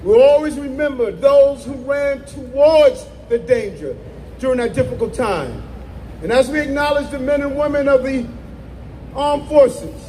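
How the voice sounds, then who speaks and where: A man giving an impassioned public speech as mayor, often shouting with fervor. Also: extremely high pitch, slight background noise, poor audio.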